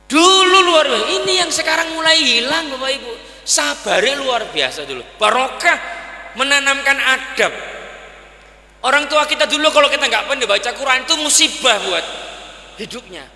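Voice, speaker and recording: A man's voice: very high voice, expressive, normal speed, sharp tone. A man preaching a sermon in a folksy, conversational way, often asking the audience to agree. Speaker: Islamic preacher. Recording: echoey hall with long reverb.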